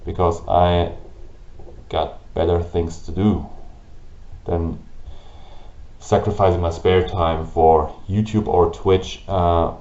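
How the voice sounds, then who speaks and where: His low, mellow voice barely moves in pitch as this German-accented gaming host, German by first language, vents his frustration to camera. He speaks slowly and haltingly, pausing and starting over, and the lo-fi audio sounds dull and roomy.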